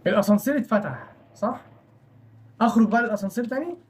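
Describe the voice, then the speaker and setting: A man's voice: high-pitched, rapid-fire. A young man with an Egyptian Arabic accent gives chatty, nervous commentary while playing a horror game, often apologizing to the characters on screen. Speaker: gaming channel host.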